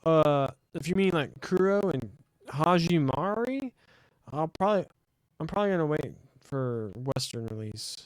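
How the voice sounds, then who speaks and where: Excitable male game streamer, dry sound. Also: a little high, measured pace, smooth, dry recording, poor audio. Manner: excitable, chatty, answers chat with fillers. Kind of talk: casual let's-play commentary.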